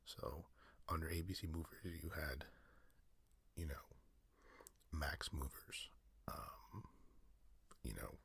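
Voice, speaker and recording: Man, ASMR, whispered mumbling, extremely deep, very breathy and raspy, rambling storyteller. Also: takes it slowly, pauses often, fairly bright tone, no echo. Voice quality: breathy, husky whisper with low gravelly fry. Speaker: storyteller recounting personal experience.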